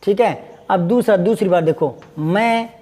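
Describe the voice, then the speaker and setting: A man's voice: high voice, unhurried, darkish tone, big-room sound, slight background noise. A man teaching Hindi grammar, patiently repeating examples and asking his students questions. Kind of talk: classroom lesson.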